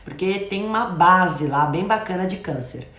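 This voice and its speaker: A woman's voice: fairly low pitch, normal speed, a bit bright. A middle-aged woman doctor, casually answering viewer comments on a live stream. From Brazil. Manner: chatty, reads comments aloud and gives friendly advice. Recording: roomy echo.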